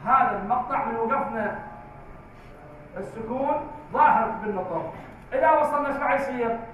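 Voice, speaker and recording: A man teaching a tajweed class in a classroom, slow and drawn-out, repeating key words for the class. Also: very high-pitched, slight background noise. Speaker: Quran recitation teacher. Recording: very echoey, distant, tinny phone-like sound.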